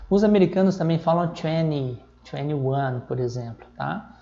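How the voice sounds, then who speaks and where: A Brazilian man teaching English numbers in a recorded lesson, explaining step by step and reading the numbers out slowly, often checking in with a quick "tá?". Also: on the high side, animated, gravelly, mellow, lo-fi sound. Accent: Brazilian Portuguese. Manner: checks in with frequent "tá?".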